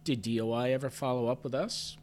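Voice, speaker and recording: A man narrating a story in first person with a measured, understated delivery, lifting sharply when his character asks questions. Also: mid-range voice, fairly even intonation, darkish tone, a little hiss or hum. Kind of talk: audio drama narration.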